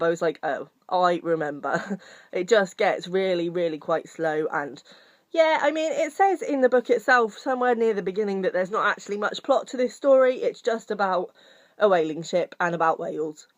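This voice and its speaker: A woman talks through a book review in a loose, candid way, full of ums and restarts. Her voice sits at a middling pitch. The recording is dry, with no room sound. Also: animated, brisk, dry recording. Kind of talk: casual book review vlog.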